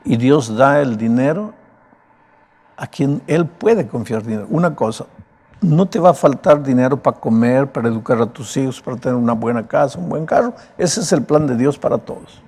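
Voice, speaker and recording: A pastor giving a sermon, with a broken, raspy voice and an emphatic, conversational way of preaching. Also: male voice, medium pitch, animated, moderate pace, darkish tone.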